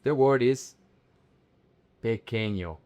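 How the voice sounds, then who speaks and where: A man teaching Spanish vocabulary, saying each word slowly and repeating it with clear stress on the syllables. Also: medium pitch, darkish tone. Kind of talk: slow, careful language lesson.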